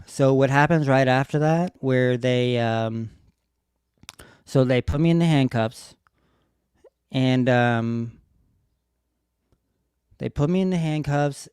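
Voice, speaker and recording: Rambling man telling a story, clear dry voice. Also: medium pitch, no room sound. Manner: rambling, many fillers and restarts, grows loud when reliving the shouting. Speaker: livestream host. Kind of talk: casual storytelling livestream. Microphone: streaming studio mic.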